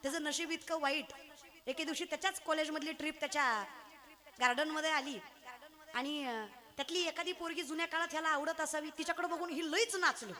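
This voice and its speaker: A woman preaching a devotional kirtan sermon, animated and storytelling, moving between loud exhortation and soft pleading. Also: sits high, fairly quick.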